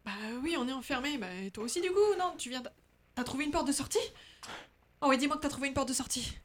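A woman's voice: high-pitched, lively intonation, fast talker. A woman voicing a flustered, nervous woman who stammers and restarts her words in an improvised comic radio serial. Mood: surprised, eager. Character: flustered jealous-prone woman, nervous, chatty. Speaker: improv actor.

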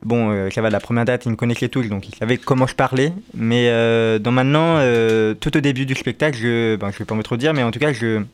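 A man's voice: medium pitch, brisk, hardly any pauses, smooth. Man with a slushy lisp, talking casually. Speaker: interview guest, stand-up comedian. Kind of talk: casual interview chat.

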